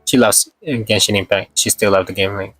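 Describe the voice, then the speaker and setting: A man streams a game while giving casual, rambling live commentary, repeating himself and swearing mildly. His voice is on the low side with a fairly bright tone and fairly even intonation, and he talks fairly quickly. He has a slightly sore throat, and the audio quality is poor.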